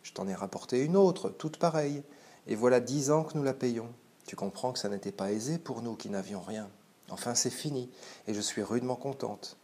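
A man reading aloud the lines of a proud, worn-down poor Parisian woman in a classic short story, in a quiet, plain voice. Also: mid-range voice, normal speed, close to an everyday voice. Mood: confessing.

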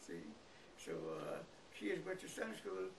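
A very old man of about a hundred from Mississippi, with a Southern US accent and an aged, creaky voice, reminisces haltingly in an interview, repeating words and pausing. His voice is high-pitched with wildly swooping pitch. He sits indoors in a living room by a window, and a camera a few feet away makes for a noisy, distant recording.

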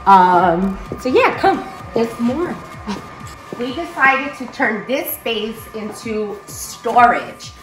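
A woman's voice: a little high, animated, slow pace, far from the mic, soft background music. Woman presenting in an echoey empty-warehouse space. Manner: enthusiastic, presenting on her feet while walking. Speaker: business owner giving a tour. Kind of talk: informal walk-through video tour narration. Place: large indoor warehouse and open office. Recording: echoey warehouse, voice away from mic.

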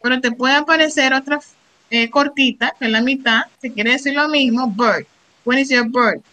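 A middle-aged woman teaching an English class, reading English phrases slowly and explaining them with frequent "right?" check-ins. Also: high voice, pushed and bright, poor audio. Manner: reads English slowly, then explains in Spanish with frequent "¿verdad?". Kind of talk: classroom lesson.

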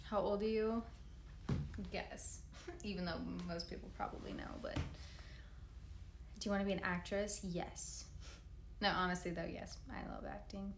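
A woman's voice: mid-range voice, fairly even intonation, moderate pace, pauses often, echoey room, background noise. A woman in her twenties hosting a casual livestream, answering comments in a laid-back, chatty way with frequent swearing, recorded on a phone at arm's length in a plain room. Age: 20s. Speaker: livestream host. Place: large plain room indoors. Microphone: phone camera at arm's length.

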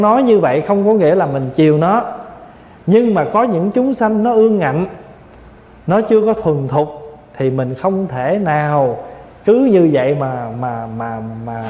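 Humorous Vietnamese-born monk in an echoey hall. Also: male voice, sits high, a little mellow. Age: 40s. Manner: folksy and humorous, mixing in English words. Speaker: Buddhist monk teacher. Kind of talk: dharma talk. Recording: dull, echoey hall sound.

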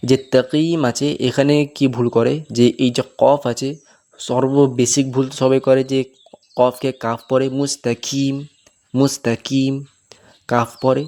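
A man with a Bengali accent teaching recitation, explaining patiently and then sounding out words very slowly to show how they should be pronounced. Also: mid-range voice, level tone, darkish tone. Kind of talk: tajweed lesson with slow demonstrations.

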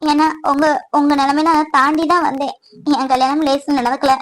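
A woman's voice: sits high, level tone, normal speed, natural voice, poor audio. A woman voicing a caring married young woman who earnestly reassures and advises a friend.

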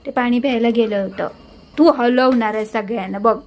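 A woman's voice: a little high, moderate pace, a little mellow, poor audio. A woman with a Marathi accent narrating a casual home pet vlog on her phone, chatting to viewers and scolding and coaxing her dog. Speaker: pet vlogger.

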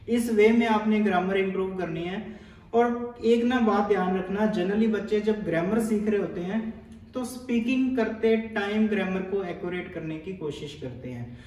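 A man's voice: sits high, darkish tone, distant mic. A man coaching students for a speaking test, direct and familiar, repeating key words for emphasis. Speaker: IELTS speaking teacher. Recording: echoey room, voice from away from the mic.

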